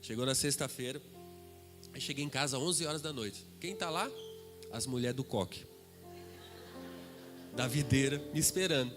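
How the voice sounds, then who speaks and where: A middle-aged man with a Brazilian accent, a guest preacher telling a dramatic testimony that swings between loud and hushed. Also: medium pitch, moderate pace, pauses often. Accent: Brazilian Portuguese. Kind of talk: testimony sermon. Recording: reverberant hall with music behind.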